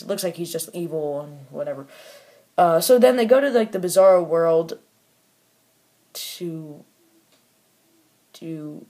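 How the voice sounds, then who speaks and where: A man's voice: high voice, mellow. A man casually reviewing a toy set, rambling with lots of fillers and restarts and making offhand, mildly critical remarks.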